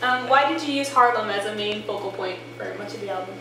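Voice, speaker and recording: A woman's voice: mid-range voice, fast, background noise. A woman interviewer asking short, simple questions of a band. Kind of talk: casual interview. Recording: echoey room from far off, music behind.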